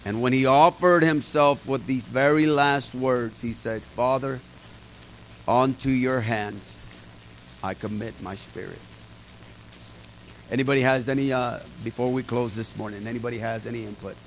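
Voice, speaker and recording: This middle-aged pastor preaches informally to a small gathering in a medium-pitched voice with fairly even intonation and normal speed. His manner is folksy and emphatic as he addresses the congregation head-on. A little hiss or hum runs through the rough recording.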